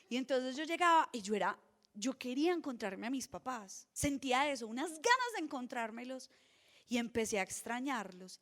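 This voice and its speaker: High-voiced young woman preaching. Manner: earnest, shifts between soft and emphatic. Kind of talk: sermon.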